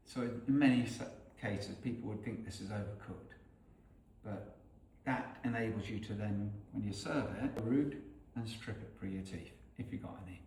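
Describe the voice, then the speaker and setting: A man's voice: fairly low pitch, moderate pace, far from the mic. A middle-aged man with a Norfolk accent chats easily through a cooking demonstration and explains each step as he works. His voice sounds roomy and set a little away from the mic, with a faint hiss of background noise behind it. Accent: Norfolk English. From North Norfolk, England. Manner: chatty, relaxed, explains as he goes. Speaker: chef and host. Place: outdoors on salt marshes, then a home kitchen.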